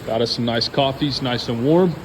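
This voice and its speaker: A man talks casually to the camera in an informal, plain-spoken way, like a vlogger out and about. His pitch is average, and clear outdoor and vehicle noise runs behind him. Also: moderate pace. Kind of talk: casual outdoor vlog chat. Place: outdoors and in a car. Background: outdoor ambience, vehicle noise.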